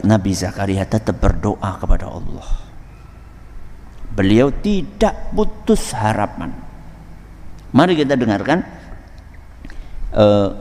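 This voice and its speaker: A man with a Javanese accent preaching a sermon, asking the women in the audience questions and slowly reciting Arabic verses before explaining them. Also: fairly low pitch, darkish tone. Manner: asks the audience questions and waits for answers. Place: mosque. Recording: long reverb of a mosque hall.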